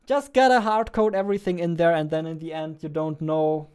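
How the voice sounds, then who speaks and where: Streaming from a small home room, a game developer in his twenties keeps up a joking, playful chat while working. His slightly high voice is steady, a little mellow and clean, and he talks fairly quickly, close to a boom-mounted studio microphone with headphones on.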